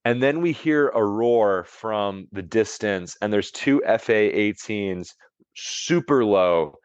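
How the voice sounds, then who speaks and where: The podcast guest, a longevity coach, has a lowish, expressive, smooth voice and speaks slowly. He rambles casually through a story, packed with "like" and restarts. The sound is lo-fi, without echo.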